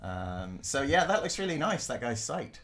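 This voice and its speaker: Lively Glaswegian man telling stories. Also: mid-range voice, moderate pace. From Glasgow, Scotland. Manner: animated, acts out quotes, laughs often, swears. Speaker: podcast co-host and design teacher. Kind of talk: casual storytelling chat.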